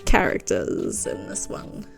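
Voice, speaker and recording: A woman's voice: takes it slowly, faint music behind. A young woman co-hosting a let's-play, chatting and giggling as she plays and reads the game's text aloud. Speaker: co-host playing a game. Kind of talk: casual let's-play chat.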